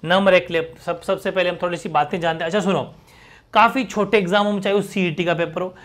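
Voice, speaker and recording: A man's voice: high-pitched, steady tone, fast, fairly bright tone. A man teaching an exam-prep grammar lesson, emphatic and repeating key words.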